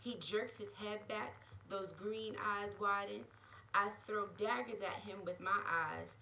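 A woman author reading her own romance novel aloud in a steady, expressive way. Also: mid-range voice, takes it slowly, slight background noise, low-quality recording.

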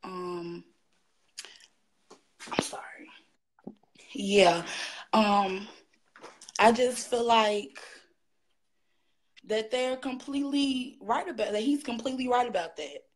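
A woman in her twenties from Chicago's South Side, calling in from work and talking quietly with many ums. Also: on the high side, slow, long pauses, low-quality recording. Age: 20s. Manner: hesitant, filler-heavy, kept quiet. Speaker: caller. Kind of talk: casual call-in opinion.

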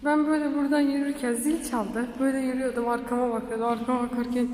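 A woman's voice: sits high, flat delivery, fast, darkish tone. Woman echoing in an empty classroom. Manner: chatty, rambling, giggly storytelling. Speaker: vlogger filming her school day. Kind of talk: casual chatty vlog. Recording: roomy echo with long reverb, faint room noise.

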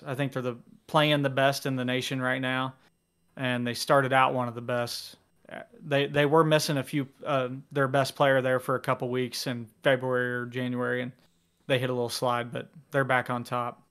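A man with a flat, steady and clean voice gives his picks on a casual sports podcast. He sounds matter-of-fact and unhurried. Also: medium pitch, smooth. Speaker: podcast co-host.

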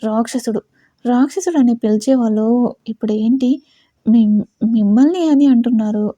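A domineering young man, stern and commanding, who drags out his words, as a woman storyteller plays him. The voice is dark and husky, recorded dry and close. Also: fairly high pitch, moderate pace, no room sound, lightly acted. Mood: teasing drawl. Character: possessive young man, domineering and short-tempered.

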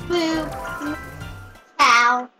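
A woman's voice: sits high, very slow, pushed and bright, soft background music, rough recording. A teenage girl joking and teasing as she plays a racing game with her cousin. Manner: playful, silly, teasing. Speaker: cousin playing along. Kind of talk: casual gameplay chat.

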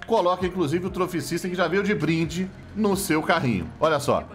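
A man's voice: high-pitched, fairly quick, faint music behind. A man with a Brazilian Portuguese accent giving joking, mock sportscaster commentary over video game footage. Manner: joking, playful, animated play-by-play. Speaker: gameplay commentator.

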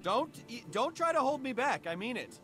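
A man's voice: very high voice, sing-song, moderate pace, bright, forceful tone, soft background music, exaggerated voice. An actor playing a jittery, boastful young man in a comic adventure video game, rambling and stammering with nervous bravado.

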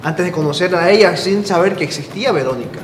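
A man hosting a relaxed sit-down interview, upbeat and playful, with a slightly raised voice. His voice rings in a roomy studio with a long tail of reverb. Music plays softly underneath. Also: high voice, fast talker, background noise. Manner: chatty, playful, gives many short backchannels. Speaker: interviewer and channel host. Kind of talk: casual interview. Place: studio with dark curtain backdrop.

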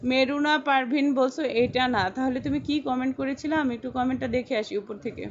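A woman's voice: sits high, steady tone, fast talker. A woman, selling clothes on a live stream, chatting and reading out buyer names. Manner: chatty, repeats sizes, reads out buyer names. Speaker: online clothing seller. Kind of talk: live-stream sales chat. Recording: dull lo-fi live stream with faint noise.

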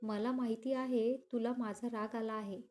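A woman voicing a possessive, insistent young man in a read-aloud romance story, forceful and pleading. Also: extremely high pitch, flat delivery, unhurried.

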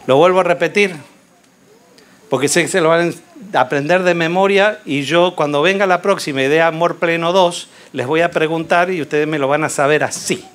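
A man preaching a sermon, telling a Bible story with rhetorical questions and lively storytelling. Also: on the high side.

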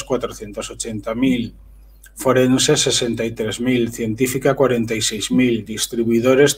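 Man, breathy, mid-pitched, reads lists of figures, short asides. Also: darkish tone. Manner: list-like reading with brief asides. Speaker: channel host. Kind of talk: reading handwritten documents aloud. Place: voice-over on a screen recording.

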